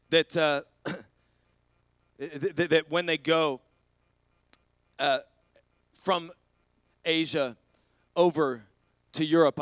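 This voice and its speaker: A man's voice: mid-range voice, a bit bright, no room sound. A male pastor preaching a sermon in an earnest way, often repeating words as he builds momentum and calls out to the congregation.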